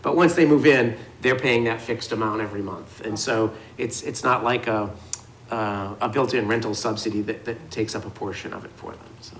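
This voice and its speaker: Presenting to a city committee, this male housing developer explains his project in an explanatory way, frequently restarting and filling pauses. The recording is low quality with some hiss or hum, and his lowish, steady voice has a fairly bright tone at a moderate pace.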